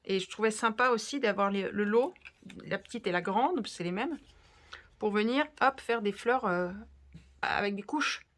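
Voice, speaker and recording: A woman hosting a casual crafting vlog, gushing and chatting directly to her viewers. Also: mid-range voice. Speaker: crafting video host.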